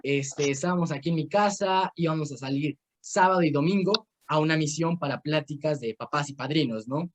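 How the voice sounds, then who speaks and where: A man's voice: on the high side, moderate pace, hardly any pauses, slight background noise. A young man with a Mexican accent teaching an informal Bible course over a video call. He tells personal stories and gives game instructions in a rambling way, full of fillers and restarts. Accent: Mexican Spanish.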